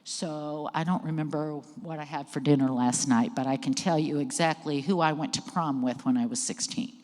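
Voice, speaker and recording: A woman's voice: deep voice, fairly even intonation, moderate pace, darkish tone. A middle-aged woman giving an educational presentation on caregiving, speaking conversationally to a live audience in a church hall. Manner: conversational, checks in with the audience and cues slides. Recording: long hall reverb.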